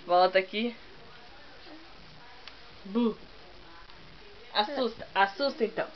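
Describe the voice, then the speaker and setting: A woman with a medium-pitched voice speaks slowly with lively intonation, coaxing her toddler at home in sing-song baby talk. The home recording is dull, lo-fi and hissy.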